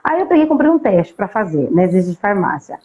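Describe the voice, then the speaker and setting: A Brazilian woman, an interview guest, telling a personal story in a casual, lively way and acting out bits of dialogue. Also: medium pitch, fairly quick, narrow, tinny audio.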